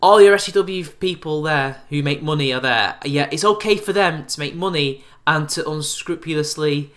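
Sarcastic and exasperated, a man in his twenties rants into his webcam for a response video, working as a YouTube commentator from a small, bright room. He speaks at a moderate pace in a slightly bright voice that leans high.

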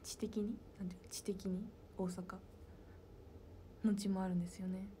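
Young woman idol, mellow soft voice, casual fan Q&A chat, whispered asides. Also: medium pitch, little pitch movement, normal speed, slight background noise. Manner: soft-spoken and chatty, drops into whispered asides. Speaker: idol talking with fans.

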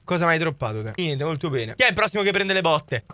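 A young man playing a video game with friends, commenting excitedly, swearing and making sound effects. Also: on the high side, quick pace, slight background noise. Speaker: gaming streamer. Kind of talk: casual let's-play commentary.

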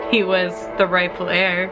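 A young woman giving a casual, emotional live reaction, excitable and prone to swearing and exclaiming. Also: on the low side, poor audio. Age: young adult. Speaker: reactor to TV episodes. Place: living room, in front of a playing television. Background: television show music.

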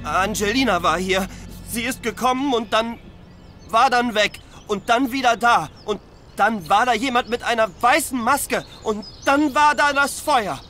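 A childlike, simple-minded man living in a ruin. He talks slowly and naively, with halting phrases. The voice is high and bright. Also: faint music behind, full character voice. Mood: innocent wonder. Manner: slow, naive, hesitant childlike talk. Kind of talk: video game voice acting.

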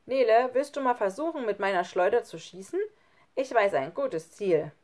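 Eine Frau spricht einen frechen kleinen Jungen. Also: female voice, fairly high pitch, lively intonation, normal speed, darkish tone, pitched above the performer's own voice, lightly acted. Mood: teasing. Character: cheeky, mischievous young boy.

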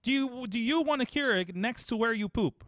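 Speaking at a normal speed in a very high-pitched voice, a man in his forties rambles through a casual podcast conversation with plenty of animation and self-mockery. The recording is dry, made on a boom-arm studio mic in a foam-paneled room, and he wears headphones.

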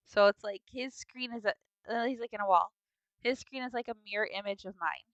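A woman's voice: medium pitch, brisk, a bit bright, no echo, muffled recording. Sniffly, playful woman gaming commentator. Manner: chatty and playful, bursts into song snippets. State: sniffly nose. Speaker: gaming video host. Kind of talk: casual gameplay commentary.

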